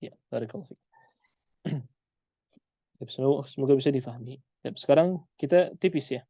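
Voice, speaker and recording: A man teaching Quran recitation in an online lesson, patiently repeating example sounds slowly. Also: mid-range voice, mellow, no room sound, lo-fi sound.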